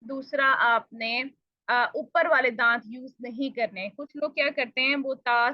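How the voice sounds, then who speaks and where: A woman teaching a recitation lesson, explaining patiently and repeating each sound slowly to demonstrate it, with polite address. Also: a little high, no room sound, lo-fi sound. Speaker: tajweed teacher. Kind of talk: recorded pronunciation lesson.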